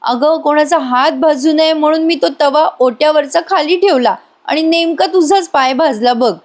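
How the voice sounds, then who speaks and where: A woman's voice: sits high, moderate pace, voice pushed up, lightly acted. A woman voicing a scheming young woman who speaks in a sweet, put-on way. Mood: fake-sweet.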